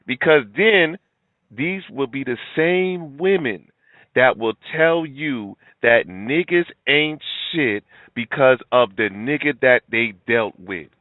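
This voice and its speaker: A man's voice: mid-range voice, animated, slow, dry recording. Blunt preachy man on a tinny line. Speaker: commentary video host. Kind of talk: reaction commentary. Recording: tinny, phone-like, dry sound.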